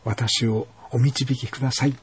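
A man reads the part of an earnest young girl in a spoken story, praying softly and pleading for guidance. The voice stays husky and breathy, with a mid pitch for a man. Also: fairly even intonation, a little slow. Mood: prayerful.

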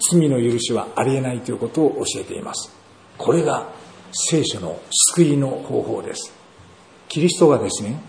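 A man's voice: medium pitch, a little hiss or hum. Man preaching in an echoing room. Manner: measured preaching, rhetorical questions. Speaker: pastor. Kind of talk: sermon with scripture reading. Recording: roomy echo, faint ambience.

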